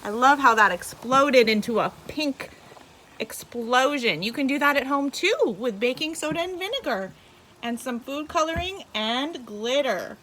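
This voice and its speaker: A woman with a fairly high voice speaks like a kids show host. She addresses small children in a sing-song, encouraging teacher's manner as she demonstrates simple activities step by step. It is a homemade recording with some background noise. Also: pushed and bright, poor audio. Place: inside a home.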